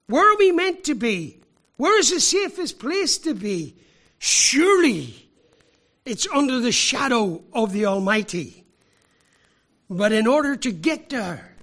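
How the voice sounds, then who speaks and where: A man from Ireland, preaching a sermon with emphatic rhetorical questions and deliberate pauses. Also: high-pitched, fairly bright tone. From Northern Ireland.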